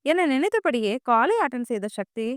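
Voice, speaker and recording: A woman's voice: high voice, sing-song, normal speed, no room sound, studio quality. A woman narrating an audio novel in a dramatic storytelling manner.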